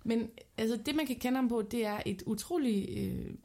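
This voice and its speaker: A woman's voice: fairly high pitch, a little mellow. A woman. She co-hosts a casual podcast, sharing confessional anecdotes in loose everyday phrasing and poking fun at herself as she goes. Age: 30s. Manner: candid, self-mocking, colloquial. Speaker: podcast co-host. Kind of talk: casual confessional chat and storytelling.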